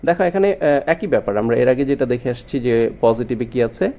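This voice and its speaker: Man, grammar teacher, rhetorical questions to students, mid pitch, slightly muffled recording. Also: fairly quick. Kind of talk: explanatory lesson.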